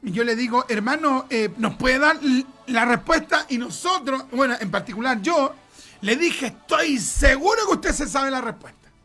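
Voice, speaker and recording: A man's voice: very high-pitched, expressive, normal speed, bright, forceful tone, faint music behind. A middle-aged man with a Chilean accent preaching a sermon, emphatic, repeating words for stress and acting out conversations. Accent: Chilean Spanish.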